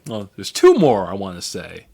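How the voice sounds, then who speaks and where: A man's voice: low voice, wildly swooping pitch, moderate pace, vocal fry, mellow, husky. A man co-hosting a podcast in casual chat, rambling through a history with many fillers and restarts. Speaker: podcast co-host.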